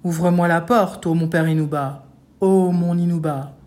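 A woman voicing a huge greedy male ogre in a read-aloud folk tale, loud and pushy. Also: lowish voice, fairly even intonation, normal speed, close to an everyday voice. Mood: demanding.

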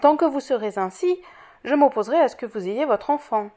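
Firm male doctor, calm, admonishing, read by a woman. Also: high-pitched, a little fast.

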